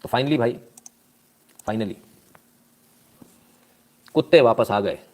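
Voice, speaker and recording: A man's voice: medium pitch, takes it slowly, darkish tone. A man doing casual live-stream news commentary, sarcastic and scolding, reading out viewer comments and thanking them.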